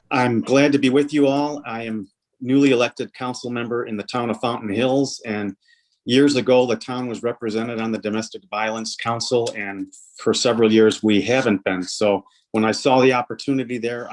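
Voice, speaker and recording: A man's voice: lowish voice, low-quality recording. A man council member introducing himself at an online meeting, friendly and plain-spoken. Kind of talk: self-introduction at a virtual meeting.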